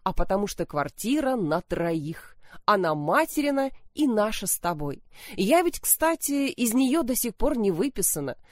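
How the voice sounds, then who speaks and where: A woman voicing a fragile, spoiled young woman who is shrill and shrieking, in a narrated story. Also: very animated, normal speed, darkish tone, no room sound, clean studio sound, close to an everyday voice. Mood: cold. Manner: shrill, shrieking and sobbing lines.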